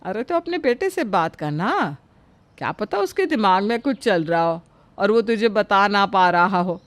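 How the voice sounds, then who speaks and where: A woman's voice: mid-range voice, very animated, a little slow, no room sound. Woman voicing a blunt, outspoken old neighbor. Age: older. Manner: outspoken, advice-giving. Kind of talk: cartoon story voice acting.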